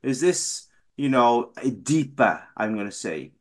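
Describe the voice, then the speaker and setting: A man's voice: mid-range voice, very animated, takes it slowly. A man hosting a morning radio show, chatting loosely with fillers and restarts. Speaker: radio host. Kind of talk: casual radio chat.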